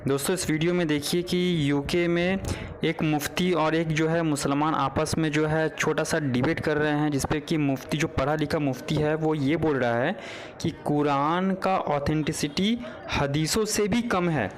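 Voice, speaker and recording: A man's voice: fairly high pitch, steady tone, moderate pace. A man hosting a channel, earnestly introducing a clip. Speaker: channel host. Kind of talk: video introduction.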